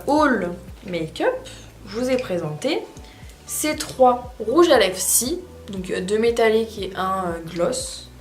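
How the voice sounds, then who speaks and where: A woman talks through a makeup test in a loose, rambling way, often pausing to hesitate. Her voice rings in an echoey room, with faint music underneath. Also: medium pitch. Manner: chatty, rambling, frequent hesitations. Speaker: beauty vlogger. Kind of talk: casual makeup tutorial chat.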